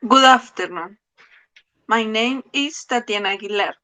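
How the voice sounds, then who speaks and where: A young Colombian woman, a psychology student, introduces herself in simple English for class. Her voice is bright and a little high. She speaks slowly, with halting learner phrasing. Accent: Colombian Spanish. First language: Spanish. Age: 20s. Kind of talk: slow read English class presentation.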